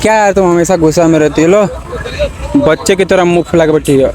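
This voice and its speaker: A man's voice: high voice, fast. A young man pulling a prank on his partner outdoors by a road, coaxing and teasing her over and over in casual banter.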